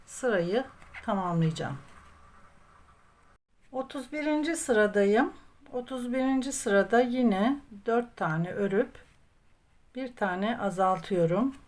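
This woman's voice sits on the high side with a slightly mellow quality. As host of a craft tutorial, she walks through each step with patient, methodical instruction and counts out loud.

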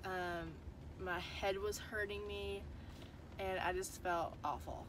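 A young family vlogger with a cold talks casually to her phone camera, held at arm's length in a parked car, tired and rambling. Her mid-range voice is a bit bright, with fairly even intonation and an unhurried pace, over a little hiss or hum.

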